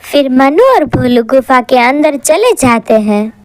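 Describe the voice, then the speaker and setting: A woman narrates a cartoon horror tale with lively, scripted storytelling. Her high voice swings widely up and down, recorded close and dry. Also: unhurried, no room sound.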